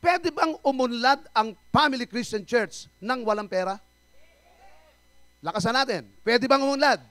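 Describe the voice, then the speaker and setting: Male pastor, church sermon, high voice, dry close sound, rhetorical questions to the congregation. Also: measured pace, no room sound. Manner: animated preaching, quizzing the congregation with rhetorical questions; swings between loud calls and quiet asides. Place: church service.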